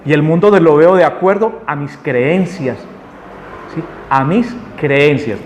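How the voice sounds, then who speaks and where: A man's voice: fairly high pitch, a little slow. Man teaching a spiritual lesson in an echoey hall. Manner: asks the audience questions, animated. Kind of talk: lecture to a group. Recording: echoey room with long reverb, faint noise.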